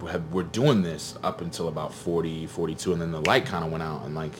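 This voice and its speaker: Laid-back deep-voiced man in his thirties. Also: a little fast, music in the background. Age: 30s. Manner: relaxed, rambling, laughs often, heavy fillers and slang. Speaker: musician guest. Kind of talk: casual conversation.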